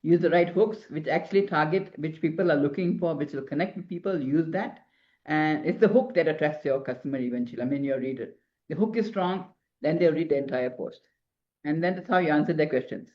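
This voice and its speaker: With a low-pitched, brisk delivery, a middle-aged woman from Singapore shares advice as a marketing consultant appearing in an interview. She rambles and keeps restarting. Audio quality is dull and lo-fi.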